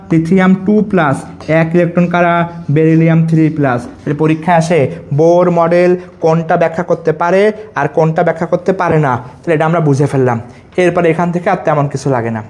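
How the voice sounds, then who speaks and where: A man's voice: a little high, darkish tone. A young man teaching a live online chemistry lesson, drilling facts over and over and reading out the names of students who comment. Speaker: chemistry tutor.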